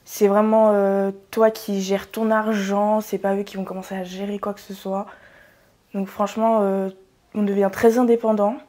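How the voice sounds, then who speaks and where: A young woman answering questions in a relaxed casual chat, often pausing with fillers. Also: mid-range voice. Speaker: interviewee, exchange student.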